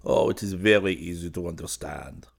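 A man voicing a drowsy young painter who murmurs softly and dreamily to a cat. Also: deep voice, normal speed, gravelly. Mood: musing. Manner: soft, dreamy, musing.

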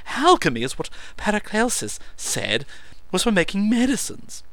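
An eccentric alchemist with a squeaky, shrill, exaggerated voice, bursting with manic excitement. He blathers breathlessly at a normal speed, his voice leaping high and loud with a bright, sharp edge, and there is no room sound.

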